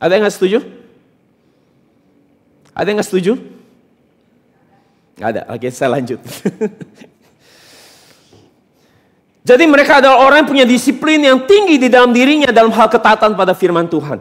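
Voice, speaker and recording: A man's voice: extremely high pitch, big pitch swings, moderate pace, pauses often, big-room sound. A man preaching a sermon as pastor, questioning and teasing his congregation with emphatic points. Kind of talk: interactive sermon. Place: church hall during a service.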